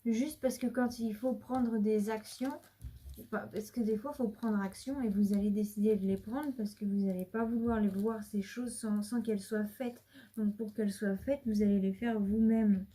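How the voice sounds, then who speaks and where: A woman's voice: medium pitch, steady tone, normal speed, mellow, breathy edge. A woman giving a casual, chatty card reading to her viewers, rambling with many restarts and sometimes dropping to a whisper. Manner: drops to a whisper at times. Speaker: card reader. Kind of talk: casual tarot reading to camera.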